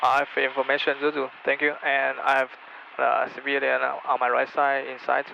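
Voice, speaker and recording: A man speaking as a student pilot making radio calls to ground control, halting and hesitant, through a headset in a noisy small-plane cockpit. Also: mid-range voice, monotone, creaky, dull audio. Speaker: student pilot on first solo cross-country flight. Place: inside a small Cessna cockpit. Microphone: aviation headset.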